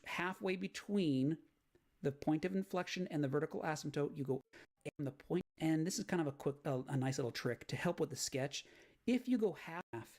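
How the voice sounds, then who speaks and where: A man's voice: a little high, a little mellow. A man teaching a math lesson on video, explaining graph sketching step by step and checking in with "right?". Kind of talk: recorded lecture walkthrough.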